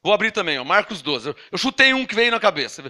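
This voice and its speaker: A man giving a sermon, and his voice sits very high and sounds very bright and sharp. He leads the congregation call-and-response style and leans hard on key words, stretching them slowly before rushing through quick side remarks. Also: sing-song. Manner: teaching, asks congregation to repeat and read along; slow emphatic stress on key words, then quick asides. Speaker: pastor.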